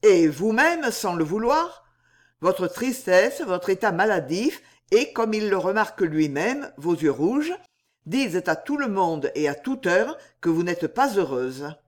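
Man doing an earnest, clumsy English gentleman. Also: sits high, very animated, a little slow. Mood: insistent. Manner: earnest, plain-spoken, insistent. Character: earnest, awkward English gentleman, her loyal cousin.

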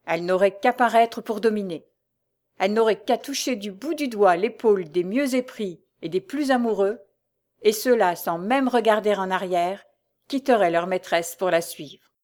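A woman voicing a calm, mysterious male nobleman with a cool, measured way of speaking. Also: mid-range voice, lightly acted.

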